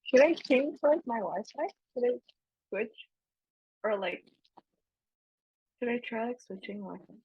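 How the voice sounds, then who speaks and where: A woman's voice: a little high, animated, a little slow, long pauses, darkish tone, breathy edge, dry recording, dull audio. A woman being interviewed over a video call, talking hesitantly with fillers while her voice keeps dropping and cutting out on a bad connection. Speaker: interview guest, former intern.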